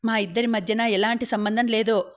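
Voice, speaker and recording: A woman voicing an upright young man who is quick to anger, speaking in short, rushed lines in an audiobook. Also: on the high side, steady tone, lightly acted. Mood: angry.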